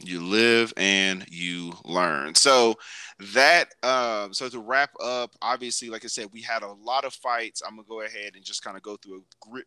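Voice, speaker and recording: A man's voice: medium pitch, bright, forceful tone, clear, resonant tone, dry recording. A man hosting a podcast, in slangy, rambling casual chat full of restarts. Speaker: podcast host.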